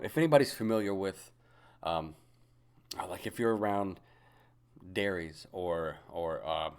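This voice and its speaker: A man with a very low voice talks through an informal review. He thinks aloud in a halting way, drifting into side remarks and picking the thread back up. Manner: musing, halting, trailing into asides. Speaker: pipe tobacco reviewer. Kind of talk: casual unscripted product review.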